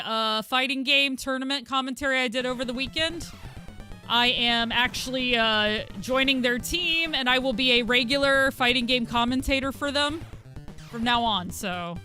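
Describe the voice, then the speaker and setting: A young woman streams a game and chats casually with her viewers, thanking them and using frequent fillers. Her husky voice sits high and sounds pushed and bright.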